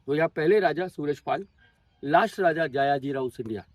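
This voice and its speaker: A man's voice: a little high, moderate pace, no echo. A man working as a tour guide, telling local history to a group outdoors at a monument in a patient storytelling way. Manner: patient storytelling, drops in English words and numbers.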